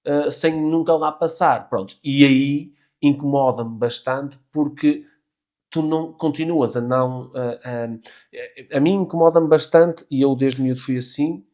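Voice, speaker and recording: Animated middle-aged Portuguese man chatting. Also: mid-range voice, a little slow. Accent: European Portuguese. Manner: animated, swearing, many restarts. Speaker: podcast guest. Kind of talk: casual chat.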